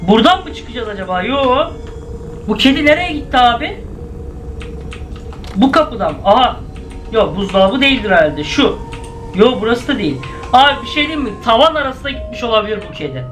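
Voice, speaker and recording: Excitable high-voiced man gaming. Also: moderate pace, pauses often, slight background noise. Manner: excitable, frequent shouted exclamations. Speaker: gaming YouTuber. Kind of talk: gameplay commentary.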